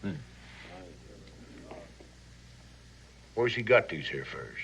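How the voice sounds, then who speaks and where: An actor playing a wily, boisterous river pirate captain in a western, with a folksy slow Southern American drawl and theatrical delivery. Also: male voice, sits low, very animated, creaky, a bit bright, slight background noise, heavily acted. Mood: musing, scornful. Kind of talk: scripted western screen acting.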